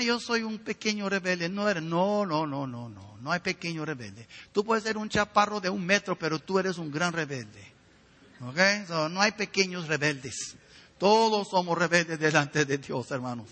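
A man's voice: high-pitched, sharp tone, big-room sound. A man preaching a sermon with fervor, often turning to ask the listeners direct questions.

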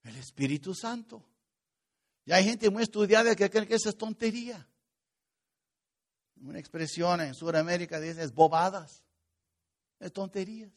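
High-pitched man preaching with rising fervor. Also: normal speed, pauses often. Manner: preaching with sudden rises and drops in loudness. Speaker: pastor. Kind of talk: sermon.

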